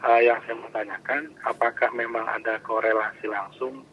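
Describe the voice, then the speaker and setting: Male phone-in caller, respectful and hesitant, medium pitch, muffled line with faint noise. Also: flat delivery, moderate pace. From Jakarta. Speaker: caller, a father asking advice.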